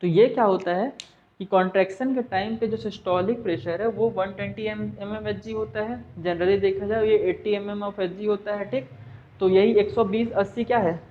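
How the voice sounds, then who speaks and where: A man's voice: sits high, fairly even intonation, moderate pace, phone-quality sound, slight background noise. A man teaching a science class, with a Hindi accent, who asks and answers his own questions and mixes in English terms. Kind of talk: class lesson.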